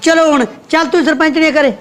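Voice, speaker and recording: A woman's voice: high-pitched, fairly even intonation, brisk, soft background music, lightly acted. A woman playing an evasive, philandering male village headman in a comedy short film, talking his way out of trouble. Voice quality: placating, evasive.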